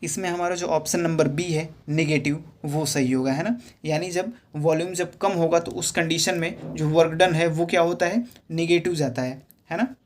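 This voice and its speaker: A man teaching physics for exam prep, reading English questions slowly and explaining step by step with rhetorical questions. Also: a little high, steady tone, slight background noise. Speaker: physics tutor.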